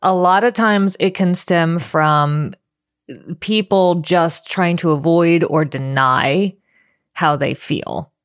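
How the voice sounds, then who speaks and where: A woman in her thirties or forties, a life coach co-hosting a casual chat, talking earnestly and in an animated way. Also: fairly low pitch, takes it slowly, dry recording, studio quality. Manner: earnest, animated, acts out quoted voices.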